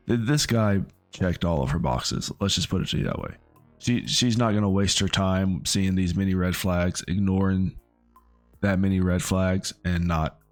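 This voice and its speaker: Man, reaction commentary, deep voice, gravelly, dry close sound, incredulous, halting restarts. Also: no room sound. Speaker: reaction video host.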